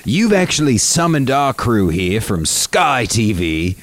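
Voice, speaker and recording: A man playing a mock-serious interviewer in a deadpan comedy sketch. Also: medium pitch, slow, slight background noise.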